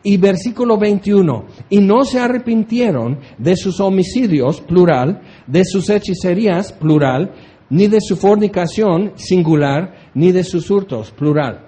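A man teaching a Bible passage as a preacher, chatty and animated, often slipping into mock voices. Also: high voice, measured pace.

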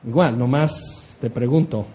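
A man's voice: medium pitch, unhurried, mellow, a little hiss or hum. A man preaching a sermon, challenging his listeners with ironic rhetorical questions.

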